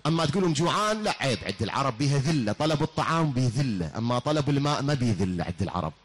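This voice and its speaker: Impassioned Iraqi preacher telling a story. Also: male voice, medium pitch, animated, very fast. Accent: Iraqi Arabic. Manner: impassioned, rhetorical, addresses listeners directly. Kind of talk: sermon storytelling.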